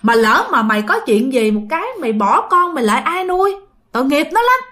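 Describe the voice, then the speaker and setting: A woman's voice: on the high side, animated, a little fast, bright, forceful tone. A woman voicing a blunt, superstitious friend who urges and hurries. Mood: urgent.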